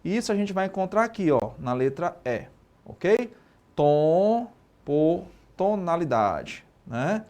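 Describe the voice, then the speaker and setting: Lively Brazilian man teaching a class. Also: high voice, moderate pace. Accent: Brazilian Portuguese. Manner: lively, asks and answers own questions, frequent tag questions. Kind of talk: live online exam-prep lesson.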